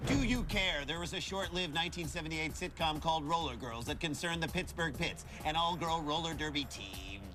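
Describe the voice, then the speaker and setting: A man's voice: fairly high pitch, brisk, over music, poor audio. A man giving sarcastic, mocking joke commentary over sports footage.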